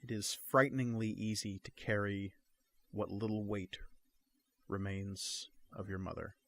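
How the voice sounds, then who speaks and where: A man narrating a tabletop game as game master, with measured, descriptive delivery. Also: fairly low pitch, steady tone, a bit bright.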